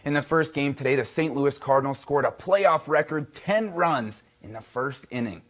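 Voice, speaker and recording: A man reading a scripted sports segment for a local news broadcast, in a brisk, upbeat newsreader delivery. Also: mid-range voice. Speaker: sports reporter.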